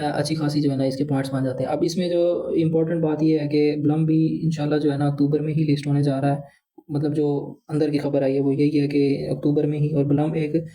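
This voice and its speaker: A man's voice: on the high side, mellow, poor audio. A man casually walks viewers through an app, rambling and leaning on filler phrases. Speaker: crypto channel host. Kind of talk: casual explainer walkthrough.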